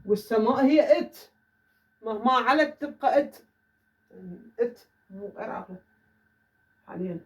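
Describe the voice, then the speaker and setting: A man with an Iraqi Arabic accent teaching an English grammar lesson in a classroom, saying the English examples slowly and carefully. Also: very high voice, lively intonation. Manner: says English example sentences slowly and deliberately. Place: classroom with a whiteboard. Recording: voice from far off the mic.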